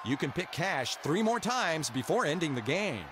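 A man's voice: a little high, very animated, normal speed, over music. A man playing an emphatic game show host who guides a contestant with scripted instructions and exclamations. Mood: upbeat. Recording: clear background game noise.

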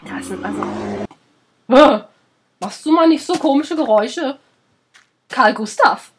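A woman's voice: high voice, huge pitch swings, a little slow, vocal fry, slight background noise. A woman with a German accent, sick and under the weather, chatting her way through a let's play, scolding the animals in the game and swearing casually.

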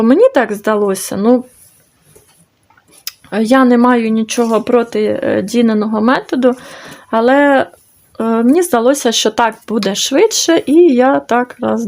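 A woman's voice: fairly high pitch, a little mellow. A woman hosting a knitting channel, casually chatting and thinking aloud with many fillers as she shows her crochet work. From Ukraine. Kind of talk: casual crafting video report.

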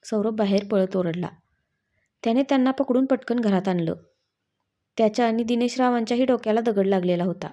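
A woman reads a story aloud in a scripted narration, her voice a little high and soft-toned. She gives the characters' lines in her own voice rather than acting them out. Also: fairly quick.

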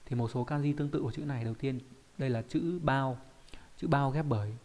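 A man's voice: mid-range voice, fairly quick, a little mellow. A man with a Vietnamese accent teaching a Japanese kanji lesson online, explaining each character step by step and often checking in with his students.

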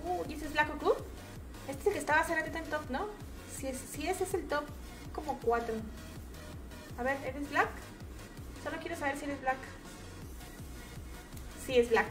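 A young woman with a Mexican accent, a gaming streamer, chats casually over her gameplay at normal speed, pausing for long stretches and sometimes letting out shrill, shrieking outbursts. Music plays in the background.

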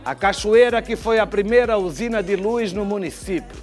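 Commenting from a TV studio, this older, high-voiced Brazilian host chats with a Brazilian Portuguese accent, tossing in wry asides and stretching out his sign-offs. A lapel mic picks him up, and soft music plays underneath.

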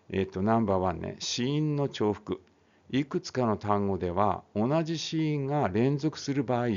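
A man's voice: on the low side, vocal fry, a little mellow. A man teaching English phonics, reading a text aloud and then explaining it casually, often correcting himself. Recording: dull lo-fi recording.

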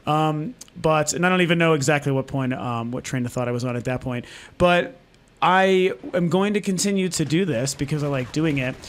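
This gaming host, speaking from his home in Denver, Colorado, is losing his voice while he addresses his channel's audience casually over gameplay, stumbling through ums and restarts. He talks at a normal speed in a somewhat high voice.

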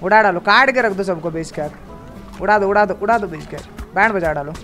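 A man with an Indian accent hosting a multiplayer gameplay video, excitedly hyping a raid and making playful sound effects. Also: high voice, fairly quick, faint music behind. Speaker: gaming channel host. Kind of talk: live multiplayer gameplay chat.

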